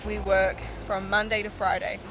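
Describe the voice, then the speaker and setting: A young New Zealand woman speaks casually to camera as a volunteer, upbeat and quick to agree. Her pitch is middling. Clear noise sits behind her voice. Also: little pitch movement.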